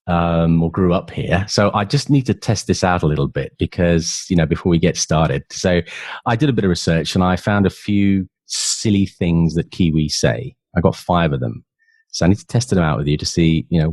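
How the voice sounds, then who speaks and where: A man's voice: deep voice, darkish tone, slightly rough, no echo. A man hosting a podcast in a playful, conversational way. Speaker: podcast host. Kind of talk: casual chat with scripted introduction.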